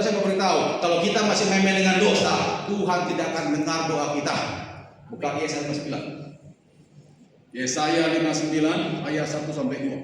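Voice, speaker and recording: Earnest male pastor, fairly high voice, preaching in a big reverberant church, mic at a distance. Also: slight background noise. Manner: earnest, exhorting, often addresses the congregation directly. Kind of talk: sermon. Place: large church hall. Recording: echoey hall, voice from far off mic.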